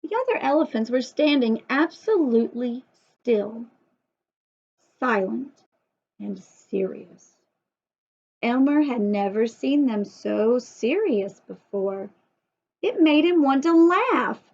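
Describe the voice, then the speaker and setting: A woman with a high voice reads a children's story slowly, in an expressive, sing-song way, acting as storyteller and teacher for young kids. She breaks off for chatty asides, asking the young viewers questions, and the recording has a lo-fi sound.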